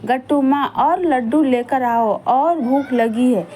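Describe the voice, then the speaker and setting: A woman's voice: sits high, slow, dark tone, a little hiss or hum. A woman voicing a spoiled, greedy young boy who whines and makes demands. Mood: demanding. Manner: whiny, demanding.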